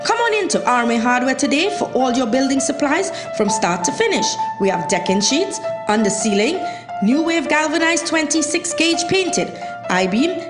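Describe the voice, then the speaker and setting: High, lively woman ad announcer. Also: normal speed. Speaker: advertisement announcer. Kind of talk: scripted retail ad read. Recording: echoey, loud music bed.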